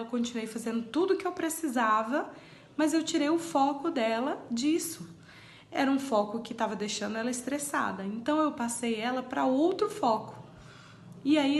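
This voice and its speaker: A woman's voice: high voice, echoey room, slight background noise. A Brazilian woman in her thirties giving parenting advice in a chatty vlog, talking straight to her viewers. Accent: Brazilian Portuguese. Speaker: parenting vlogger.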